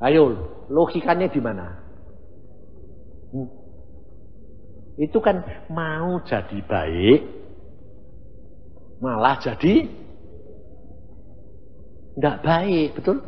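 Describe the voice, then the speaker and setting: A middle-aged male pastor, preaching in an animated storytelling manner with sudden loud outbursts. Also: fairly high pitch, drawn-out words, long pauses, a little hiss or hum. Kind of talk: sermon. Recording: dull, hall reverb.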